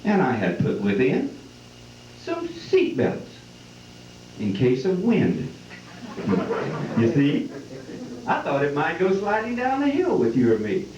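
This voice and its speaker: Over crowd noise in an echoey, muffled hall, a cowboy poet emcees a benefit show, delivering folksy humorous verse in a drawl. His fairly high voice swings hugely in pitch, runs a little slow, and pauses often, and the recording sounds distant.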